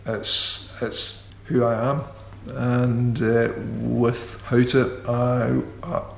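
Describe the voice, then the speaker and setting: A creaky mid-range voice with completely flat delivery comes from a stammering musician in a radio interview, who repeats sounds and restarts. He speaks slowly and deliberately in an echoey room with faint ambient noise.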